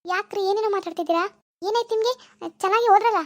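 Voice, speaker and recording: A woman voicing a flustered young village wife in a cartoon, pleading her innocence in a very high, quick voice. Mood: pleading confused. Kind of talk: cartoon voice acting.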